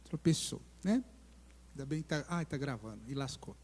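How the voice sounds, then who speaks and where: A man's voice: mid-range voice, moderate pace. A middle-aged male pastor preaching a sermon, telling stories animatedly and putting questions to the congregation. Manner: animated storytelling with acted voices and questions to the congregation. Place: church sanctuary. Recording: long church-hall reverb.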